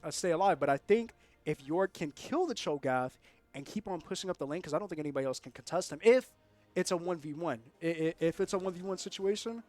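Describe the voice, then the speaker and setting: A young man casting a college esports match, excitable and quick to laugh, often repeating himself. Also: a little high, soft background music. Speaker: esports caster. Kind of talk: live game commentary.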